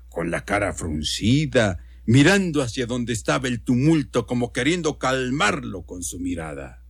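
A man's voice: fairly high pitch, creaky, dry recording, studio quality. A man with a Mexican accent reading a story for radio in a folksy, conversational way.

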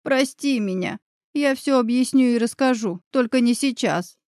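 An anxious older man voiced by a woman narrator pleads in a hoarse, urgent voice, full of guilt toward his daughter. The voice sits rather high and dry, as in a close audiobook recording. It is a storybook father, driven and desperate. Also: moderate pace, a little mellow, no echo, natural voice. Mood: pleading.

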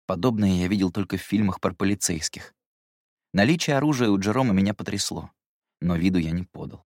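A man reading first-person audiobook narration in an even, measured way. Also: sits low, dry recording, studio quality.

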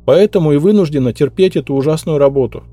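A man's voice: a little high, warm tone, dry recording, faint music behind, pitched above the performer's own voice, natural voice. A man doing a frightened pleading young maid. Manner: pleading, rushed, tearful.

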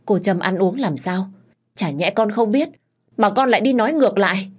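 A woman voicing a sly young female servant who talks in an indignant, shrill way. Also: expressive, moderate pace, darkish tone, lightly acted.

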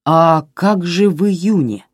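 A reader doing a calm unflappable investigator. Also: medium pitch, slow pace, breathy edge, no room sound, studio quality, pitched above the performer's own voice. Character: calm middle-aged male investigator posing as volunteer.

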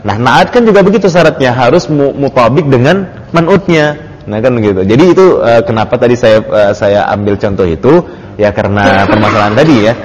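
Man, grammar teacher, relaxed study-circle lesson, frequent fillers, long hall reverb. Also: mid-range voice, brisk. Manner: explains patiently, many fillers, laughs easily. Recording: dull lo-fi audio with long reverb.

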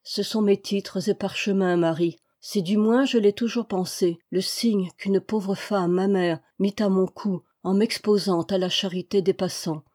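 A woman reading aloud, voicing a gentle young male captain who speaks in a slow, measured way. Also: medium pitch, fairly even intonation, lightly acted. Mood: calm.

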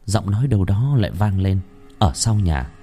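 A man's voice: deep voice, very animated, normal speed, mellow, faint music behind. A man narrating a ghost story in a dramatic, suspenseful manner.

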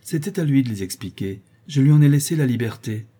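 A man's voice: mid-range voice, animated, fairly quick, mellow, slightly rough, voice pushed up. A man voicing a proud, formal aristocratic countess in a read-aloud novel. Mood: cool.

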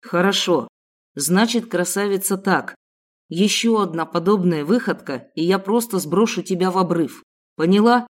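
A woman voicing a rough, menacing male kidnapper who growls his threats. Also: on the low side, moderate pace, lightly acted.

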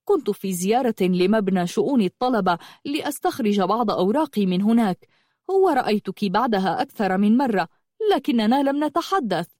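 A woman's voice: mid-range voice, animated, a little fast, a little mellow, no room sound, studio quality, natural voice. A woman voicing a bewildered young man in a storybook. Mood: earnest. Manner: earnest, explaining.

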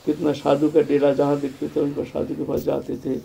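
An older man giving a devotional spiritual discourse, telling his life story in a reflective way with repeated phrases and soft trailing fillers. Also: fairly high pitch, completely flat delivery, brisk, vocal fry, husky. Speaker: spiritual speaker.

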